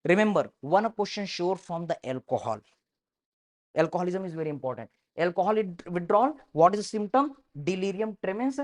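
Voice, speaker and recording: A woman's voice: lowish voice, expressive, very slow. A woman with an Indian English accent giving an exam-prep lecture in mixed Hindi and English, emphatic and repeating her key points. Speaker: medical entrance exam teacher.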